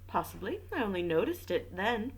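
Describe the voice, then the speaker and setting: A woman's voice: mid-range voice, very animated, moderate pace, slightly rough, low-quality recording. A woman voicing a worried, composed French wife in a casual read-aloud of a mystery novel, with a plain, polite delivery. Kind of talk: audiobook reading with commentary.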